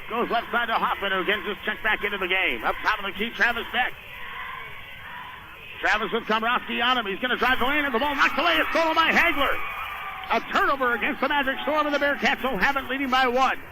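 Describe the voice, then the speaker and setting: Live from an indoor gym, an American radio announcer covers basketball in clipped, running phrases. His voice is extremely high and brisk, and the broadcast carries plenty of background noise.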